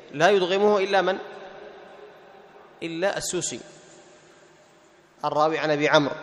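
Guy teaching quran recitation rules, kinda high voice, asks the class then answers himself, big echoey hall. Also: fairly bright tone. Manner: asks the class questions and answers them himself, repeats key terms; recites verses slowly and melodically. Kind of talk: explaining tajweed rules in class. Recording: long hall reverb.

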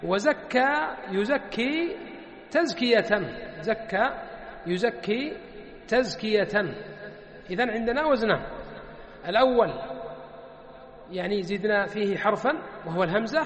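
A male teacher with a very high voice gives a grammar lesson in a hall with long reverb. He keeps putting questions to his students and answering them himself. He stretches out the word forms slowly as he works through them. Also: a bit bright. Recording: echoey hall.

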